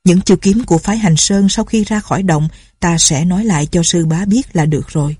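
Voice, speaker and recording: A woman voicing the inner thoughts of an anxious, loyal young male swordsman in a martial arts audiobook, read low and steady. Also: brisk, husky, dry recording, clean studio sound. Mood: worried.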